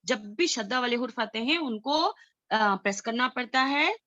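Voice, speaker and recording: A woman teaching Quran recitation in an online class, asking students questions and slowly drilling sounds. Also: fairly high pitch, lively intonation, bright, forceful tone, no echo. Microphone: video call. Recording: dull lo-fi video call audio.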